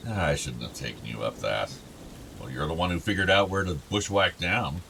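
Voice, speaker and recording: Against a noisy background, an actor voices a middle-aged, outdoorsy dad fondly recalling things about his two grown sons in naturalistic radio-play dialogue. The mood is warm and nostalgic, and his low, creaky voice moves at a moderate pace.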